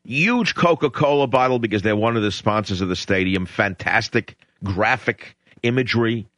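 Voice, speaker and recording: A male radio host speaks at normal speed in a fairly low, slightly bright voice, rambling emphatically and sardonically through opinions between studio calls. The dull lo-fi broadcast carries no room sound.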